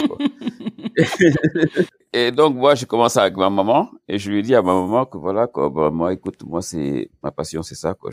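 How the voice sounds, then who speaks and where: A middle-aged man from Senegal with a very low voice tells his life story to an interviewer. He talks in a relaxed, easygoing way, laughing often. The sound is dry and close. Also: dry recording. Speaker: chef, podcast guest.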